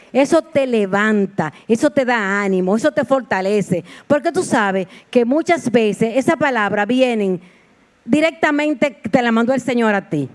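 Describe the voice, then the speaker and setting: A woman's voice: medium pitch, darkish tone. A woman preacher giving a sermon in a heartfelt, personal storytelling manner, with repeated exclamations. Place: church sanctuary.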